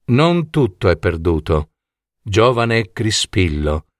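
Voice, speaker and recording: A man reading a storybook voices a kindly queen who speaks gently and reassuringly. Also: on the low side, sing-song, slow pace, no echo, clean studio sound, voice pushed down.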